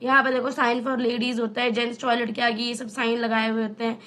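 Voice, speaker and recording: Young female tutor, high voice, casual and conversational online lesson. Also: level tone, a little fast, fairly bright tone. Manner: chatty, explains with everyday examples and rhetorical questions. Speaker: teacher.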